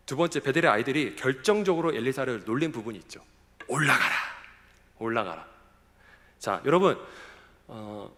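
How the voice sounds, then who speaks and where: A man's voice: medium pitch, fairly bright tone. A man preaching as a pastor at a youth service in a church, talking conversationally and asking the congregation rhetorical questions. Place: church sanctuary. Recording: echoey church hall.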